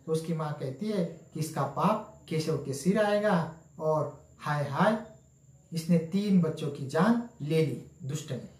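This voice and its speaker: Guy teacher going over a story line by line, slightly high voice, echoey room. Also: expressive, measured pace, a little mellow. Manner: reads a line, then repeats it in plainer words. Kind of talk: explaining a story lesson.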